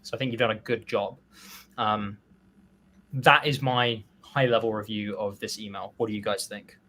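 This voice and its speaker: A man's voice: lowish voice, moderate pace. Easygoing man giving casual critique. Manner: relaxed, hedging, many fillers and restarts. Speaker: co-host reviewing copywriting.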